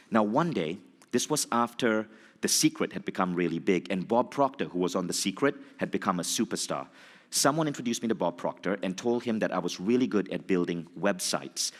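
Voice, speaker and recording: A man in his forties telling a motivational story to an audience, animated and acting out conversations. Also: fairly low pitch, big-room sound. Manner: animated, acts out dialogue, addresses audience. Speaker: motivational speaker.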